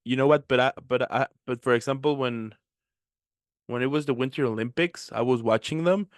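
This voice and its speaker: A man's voice: medium pitch, fairly quick, dry recording. Laid-back male host, dry sound. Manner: laid-back, agreeable, slangy. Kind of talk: casual chat.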